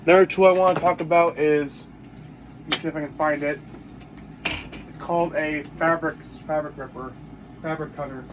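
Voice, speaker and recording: A man with a sore throat talks quietly through a casual vlog, his voice sitting a bit high for a man. He rambles, restarts and hunts for words as he goes. A faint hum of background noise sits under him. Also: fairly even intonation, normal speed, long pauses. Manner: rambling, searches for words with many fillers. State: sore throat, talking low. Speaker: cosplay vlogger.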